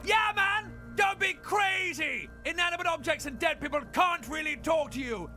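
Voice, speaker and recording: A man putting on a squeaky, manic inner voice that shouts and teases. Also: moderate pace, faint music behind, full character voice.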